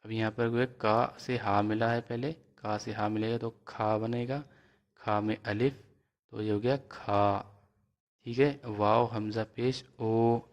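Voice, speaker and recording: Low, flat-voiced man spelling out letters. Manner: spells out letters and vowel marks slowly, then blends syllables. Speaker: teacher. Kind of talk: slow spelling-out reading lesson.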